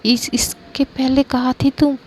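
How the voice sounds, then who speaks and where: A woman's voice: sits high, flat delivery, measured pace, a little mellow, a little hiss or hum, pitched above the performer's own voice. A woman doing a flustered shy young wife. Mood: flustered scolding. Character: shy, scolding young wife, easily embarrassed. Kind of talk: storytelling role-play.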